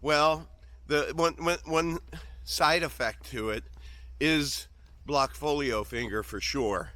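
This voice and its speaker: This vlogger, a Midwestern American in his fifties, jokes through a loose monologue on a walk outside, repeatedly trailing off and restarting. He speaks slowly in a fairly high, sharp-toned voice, and there's no echo.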